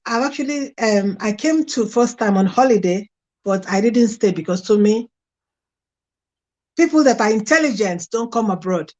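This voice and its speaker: The dull lo-fi recording captures a middle-aged Nigerian woman with a Nigerian accent and a medium-pitched, slightly mellow voice. She is a guest in an interview, telling her life story frankly.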